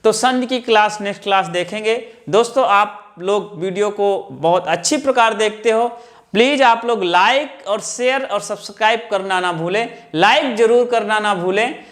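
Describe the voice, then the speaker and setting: A man's voice: high voice, a bit bright. A man teaching a grammar lesson, explaining step by step and repeating key terms. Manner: slow, explaining step by step with counted lists.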